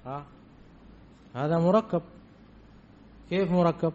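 Man, grammar teacher, fairly high voice, repeats terms and checks in with students, muffled lo-fi recording. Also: slow pace, a little mellow. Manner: repeats key terms, often asks "did we understand?". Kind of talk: Arabic grammar lesson. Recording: dull lo-fi recording.

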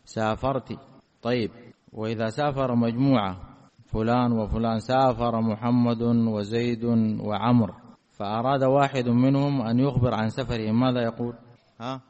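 A man teaching an Arabic grammar lesson. He keeps asking his students check questions and slows down to stress each example word. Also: mid-range voice, fairly even intonation, darkish tone. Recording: reverberant hall, dull lo-fi sound.

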